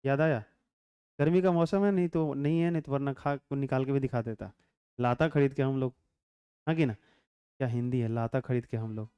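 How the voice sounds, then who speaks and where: A man teaching physics in a calm, unhurried way, chatting and joking with students and often checking whether they follow. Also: medium pitch, smooth, dry recording, muffled recording. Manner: chatty, joking asides, constant rhetorical check-ins. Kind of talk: classroom lecture.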